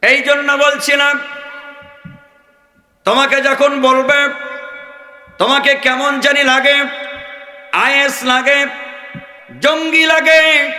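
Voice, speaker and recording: A man preaching a sermon to a crowd, swinging between shouted lines and a low chanting singsong. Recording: echoey hall from far off.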